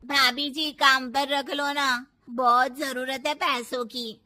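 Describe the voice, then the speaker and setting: A woman's voice: high voice, little pitch movement, slow, bright, forceful tone, heavily acted. Woman voicing a pleading cartoon housemaid. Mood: pleading gossipy. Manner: begging, gossipy. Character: pleading young female housemaid.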